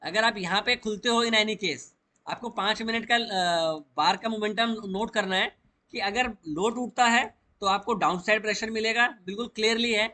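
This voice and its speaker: Bright-voiced man teaching chart trading. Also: high voice, normal speed. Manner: explains step by step, mixing English trading terms into Hindi. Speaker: stock market trading educator. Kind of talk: chart walkthrough lesson.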